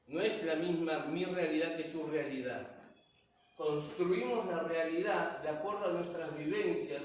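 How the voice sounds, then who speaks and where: A man delivers an impassioned sermon as pastor, his fairly high voice dropping low, then rising to loud declarations. He stands well back from the mic in a heavily echoing church hall, with a faint hiss underneath. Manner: impassioned preaching with dramatic swings from soft to loud. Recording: echoey hall, voice from far off.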